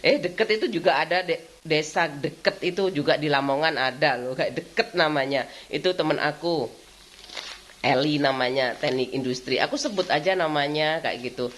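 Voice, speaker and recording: A woman's voice: low-pitched, moderate pace, a little hiss or hum. A middle-aged woman, chatting casually in a vlog, rambling and laughing often as she talks. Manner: rambling, frequent laughter, repeats "kayak gitu". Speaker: vlogger.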